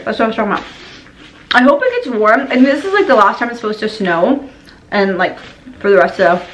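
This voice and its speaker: A woman's voice: high-pitched, fairly bright tone, a little hiss or hum, rough recording. A young woman chatting casually to viewers while eating on camera, giggly and full of "like"s. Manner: chatty and giggly, with many "like"s and laughs. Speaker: mukbang vlogger. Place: home room while eating.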